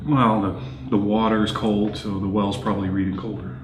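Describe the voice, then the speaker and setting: A man playing a calm, sceptical investigator with a casual, dismissive manner, in found-footage horror film style. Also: lowish voice, moderate pace, over music, lightly acted. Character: calm, sceptical male investigator explaining things away. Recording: echoey room, clear background noise.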